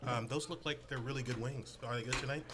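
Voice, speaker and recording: A man's voice: medium pitch, steady tone, fast talker. Brief: male podcast host, playful and jokey, busy crowd noise behind. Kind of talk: casual panel chat. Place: pub. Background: pub crowd chatter.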